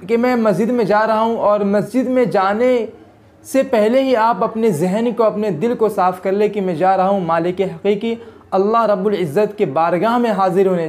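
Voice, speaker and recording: A man's voice: high-pitched, a little mellow. Earnest man giving a religious talk. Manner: earnest, exhorting, repeats phrases. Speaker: religious video host. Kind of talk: Islamic advice talk to camera.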